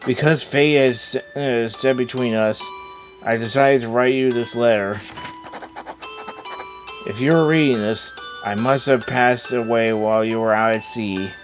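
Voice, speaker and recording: A man's voice: mid-range voice, steady tone, measured pace, soft background music, close to an everyday voice. A man voicing a devoted wife's farewell letter in a video game, solemn and poetic. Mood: tender, mournful. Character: tender, devoted dying wife writing farewell letter.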